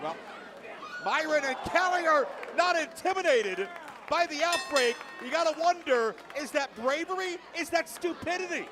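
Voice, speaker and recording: Very high-pitched male wrestling commentator. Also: animated, normal speed, a crowd in the background, noisy background. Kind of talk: live sports commentary.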